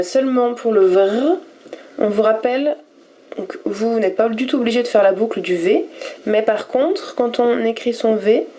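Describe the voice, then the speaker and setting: A woman teacher giving a recorded reading lesson to young pupils, sounding out each letter and syllable slowly and with care. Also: a little high, dark tone. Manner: slow and careful, spelling out letters and syllables one by one. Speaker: primary school teacher.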